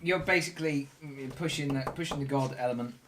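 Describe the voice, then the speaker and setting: A man's voice: mid-range voice, fast, background noise. A man running a tabletop game as dungeon master, narrating with enthusiasm. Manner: enthusiastic, narrating, laughs often.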